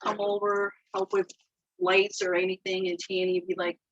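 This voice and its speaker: A woman's voice: medium pitch, little pitch movement, normal speed, no room sound, dull audio. A woman giving an informal spoken eulogy at a memorial gathering, chatty, acting out quoted dialogue, laughing often. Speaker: family friend giving a remembrance.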